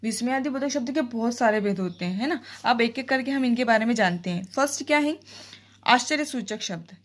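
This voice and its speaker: A woman teaches a Hindi grammar lesson to her students, and her voice sits a little on the high side. She explains each point patiently, checks in with her class again and again, and reads her example sentences slowly and expressively. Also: animated.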